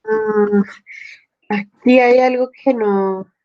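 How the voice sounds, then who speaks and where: Slow, patient woman teaching grammar. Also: fairly high pitch, fairly even intonation, highs cut off. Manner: patient, explains step by step with examples. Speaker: Spanish teacher. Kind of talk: online grammar lesson.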